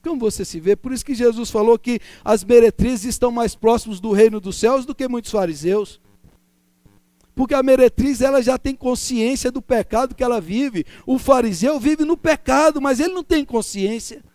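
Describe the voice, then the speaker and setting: High-voiced preacher. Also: male voice, normal speed, no room sound. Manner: impassioned, swinging between raised exclamations and hushed low passages; repetitive rhetorical lists. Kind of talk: sermon.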